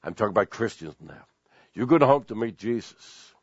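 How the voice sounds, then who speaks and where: A male pastor preaching a sermon, slow and deliberate, driving points home with emphatic repetition. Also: lowish voice, animated, slightly rough, no echo, highs cut off.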